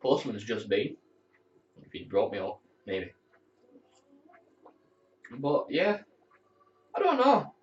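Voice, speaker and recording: Far from the mic, a teenage air cadet rambles candidly to his camera at home, swearing now and then when annoyed. He speaks slowly at a medium pitch with huge swings and long pauses, and the sound is dull and muffled.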